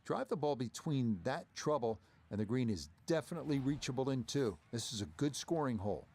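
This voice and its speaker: A man voicing a golf commentator in a video game, giving measured, descriptive play-by-play in a broadcast style. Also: mid-range voice, expressive, darkish tone, slight background noise, lightly acted. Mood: measured, admiring. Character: polished male golf broadcast announcer calling a round.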